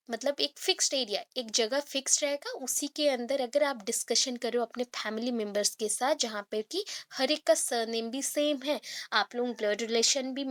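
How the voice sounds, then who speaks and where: A woman teacher giving an exam-prep lecture, explaining patiently with everyday examples and frequent check-ins with her students. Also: high-pitched. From India. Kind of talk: exam-prep lecture mixing Hindi and English.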